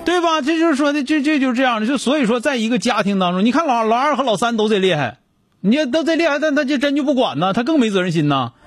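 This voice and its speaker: Man, Northeastern Chinese accent, advice show host, blunt and scolding, very high voice, fast talk. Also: animated, over music.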